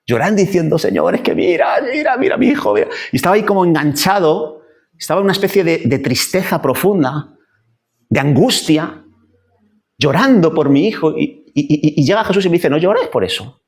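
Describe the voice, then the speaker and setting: A male pastor preaching a sermon in a church, animated and acting out wailing complaints. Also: fairly high pitch.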